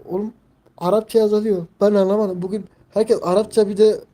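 A man's voice: sits high, flat delivery, fairly quick, warm tone. A man in his twenties chatting casually on a live stream, rambling, leaning heavily on fillers and reading viewers' messages aloud. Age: 20s. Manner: rambling, filler-heavy, reads chat aloud.

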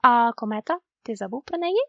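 A woman's voice: a little high, lively intonation, a little fast, creaky, pushed and bright, dry recording, muffled recording, exaggerated voice. A woman voicing a small, timid and curious male storybook creature who asks anxious questions.

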